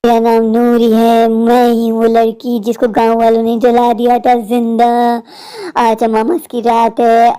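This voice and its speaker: A woman voicing a vengeful female ghost who speaks in slow, deep, gloating threats in an animated horror story. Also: clean tone, natural voice. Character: vengeful burned girl spirit, female, menacing.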